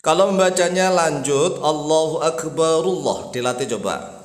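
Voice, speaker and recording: A man teaches patiently, breaking into slow chanted demonstrations. His voice sits a little high. The recording is roomy, with a long reverb trailing after each phrase. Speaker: religious teacher. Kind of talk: instructional explanation with chanted demonstrations. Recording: echoey room with long reverb.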